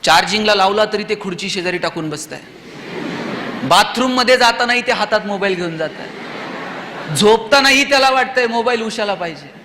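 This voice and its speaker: A man addresses a hall of students from the stage in an oratorical motivational speech, firing rhetorical questions at them. His voice sits high and bright. The hall around him adds a long, ringing reverb. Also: expressive, fairly quick, slight background noise. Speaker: motivational speaker.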